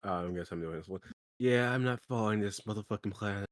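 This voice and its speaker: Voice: deep voice, quick pace, dry recording, clean studio sound, lightly acted. A performer voicing a laid-back, foul-mouthed stoner clown troll with a slack mumble in an amateur comic dub. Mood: laid-back, puzzled. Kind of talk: amateur group dub of a comic chat log.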